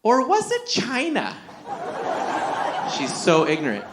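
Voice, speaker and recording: A middle-aged stand-up comedian from Canada, with a notably high voice for a man. He tells his stories in a lively way and slips into the voices of the people in them. The sound is roomy and echoey. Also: slow, background noise. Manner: lively storytelling, acting out other people's voices. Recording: echoey room.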